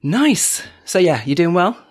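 Man, rough-edged voice, medium pitch, understated teasing podcast co-host, casual and slightly hesitant. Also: animated, normal speed. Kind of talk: casual chat.

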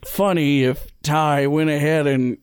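A man's voice: on the high side, steady tone, measured pace, clean tone, no room sound, studio quality. A man hosting and editing a podcast, giving casual behind-the-scenes commentary in a wry, playful way. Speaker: podcast host and editor.

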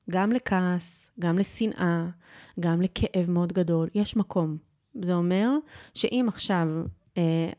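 A woman speaking as a podcast guest and yoga teacher, talking gently and deliberately and repeating phrases for emphasis. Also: lowish voice. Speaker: guest, yoga teacher and personal growth guide. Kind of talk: reflective podcast conversation.

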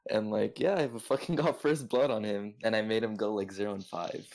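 A young man chatting casually in bro-ish gamer slang, swearing and haltingly circling back with lots of "like". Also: lowish voice, creaky, a little mellow. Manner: halting, many repeats of "like". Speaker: competitive video game player on a podcast. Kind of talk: casual chat.

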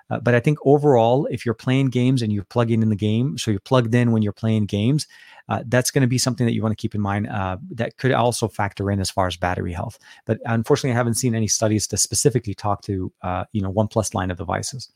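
A Lebanese man whose first language is Arabic hosts a casual live-stream Q&A from an office, answering viewers with lots of fillers and restarts. He talks close to a dynamic studio mic, so the recording is dry. His voice is on the low side and a little mellow, and he speaks quickly.

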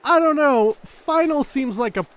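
A man's voice: very high voice, expressive, measured pace, a bit bright, heavily acted. A man playing a sarcastic, troublemaking young soldier in a comedic audio drama. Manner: smug, sarcastic.

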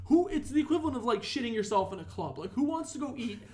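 A young man hosting a casual podcast, telling a story in an animated, swearing way. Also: very high voice, fast. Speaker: podcast host. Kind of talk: casual chat. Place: apartment room.

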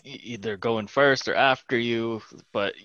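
A man's voice: mid-range voice, fairly even intonation, normal speed, sharp tone, muffled recording. A man chatting casually and improvising as a player in a tabletop game. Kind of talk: casual chat, improvised role-play.

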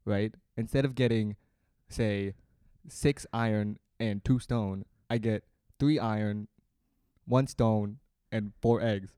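A young man co-hosting a casual podcast at home, full of quick jokes and comebacks. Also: fairly low pitch, steady tone, warm tone, smooth, no room sound, clean studio sound. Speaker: podcast co-host. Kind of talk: casual chat.

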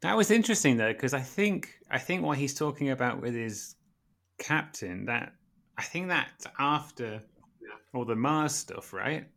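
A man's voice: mid-range voice, animated, measured pace, gravelly, sharp tone. A man co-hosting a casual chat, easygoing and hesitant with many ums. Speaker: podcast co-host.

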